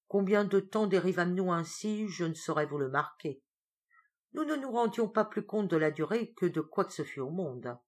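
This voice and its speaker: A woman reading a first-person sea tale aloud in a dramatic, theatrical way. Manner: expressive, theatrical, with sudden rises in pitch and loudness for suspense. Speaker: storyteller.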